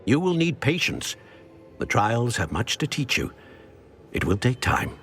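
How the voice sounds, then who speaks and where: With music playing behind him, an older male actor voices a solemn ancient wizard, keeper of secret magical knowledge, in a video game cutscene. His delivery is formal, measured and grave, yet his medium-pitched voice has a sing-song lilt and a fairly bright tone.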